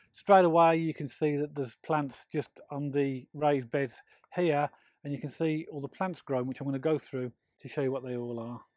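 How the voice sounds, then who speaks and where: A middle-aged man hosting an allotment tour, walking the plot and explaining what he has sown and planted in a friendly, steady way. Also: a little high, no echo. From England. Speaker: allotment gardening channel host. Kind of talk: walking garden tour with tips. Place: outdoor allotment and polytunnel.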